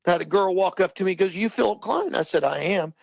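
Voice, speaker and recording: An older man talking heatedly on a podcast, repeating himself for emphasis and rising in pitch when worked up. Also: animated, fast, gravelly, no room sound, low-quality recording. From Texas. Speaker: podcast guest. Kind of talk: impassioned talk-show commentary.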